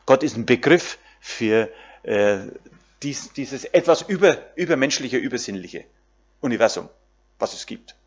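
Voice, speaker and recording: A man's voice: medium pitch, animated, a little slow, slightly rough, highs cut off. A man preaching a sermon, addressing the congregation directly with frequent fillers and tag questions.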